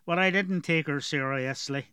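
A man's voice: on the high side, normal speed, bright, forceful tone, smooth, no room sound, studio quality. A man voicing a curious, guarded young male assistant who speaks in a questioning, hesitant way.

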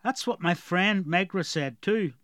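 A man's voice: high-pitched, expressive, a little slow, a bit bright, no echo, studio quality, pitched above the performer's own voice. A man voicing a curious, guarded young male assistant who speaks in a questioning, hesitant way.

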